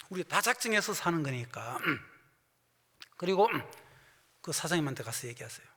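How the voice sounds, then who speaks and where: A man preaching as a pastor, telling a story and acting out the voices of the people in it, swinging from loud bursts to hushed asides. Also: fairly high pitch, big pitch swings, unhurried, husky. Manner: storytelling, acting out both sides of conversations. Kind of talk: sermon with anecdote and quoted dialogue. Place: church sanctuary. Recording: long church hall reverb.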